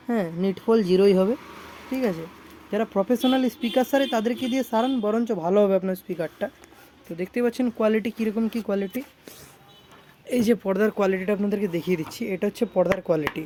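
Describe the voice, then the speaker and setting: A technician from India shows off his repair work in an informal product showcase vlog, speaking fast in a mellow, mid-range voice. He repeats himself a lot and keeps adding little check-in tags, with background noise clearly audible.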